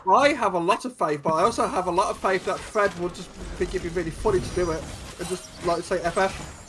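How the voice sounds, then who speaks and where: A man's voice: high-pitched, steady tone, brisk, background noise. A man casting a live esports match, bantering playfully with his co-casters. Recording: game music clearly behind the voice.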